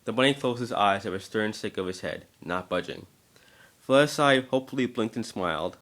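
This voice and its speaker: Reading a story aloud as narrator, this man has a somewhat low voice that comes across a bit bright. The amateur dramatic performance is animated and fairly quick, with occasional stumbles and repeated words.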